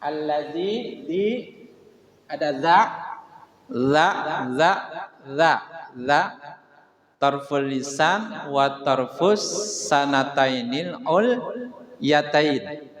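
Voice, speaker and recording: A man's voice: a little high, extremely slow, pauses often. A man teaching a Quran tajwid lesson, drilling syllables over and over for a group to repeat. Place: mosque hall. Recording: echoey mosque hall.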